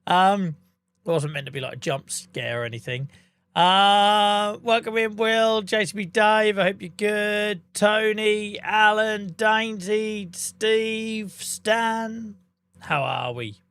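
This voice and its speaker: A man's voice: sits high, takes it slowly, fairly bright tone, clear, resonant tone, dry recording. A man in his thirties, a live streamer chatting casually and jokily with his chat while gaming, swearing lightly and laughing often.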